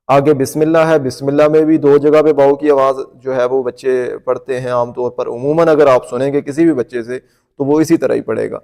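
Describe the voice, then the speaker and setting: A man's voice: medium pitch, creaky, darkish tone. A male Quran teacher explaining a recitation lesson patiently, repeating his points and checking in with the listener. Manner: breaks into slow melodic recitation to demonstrate.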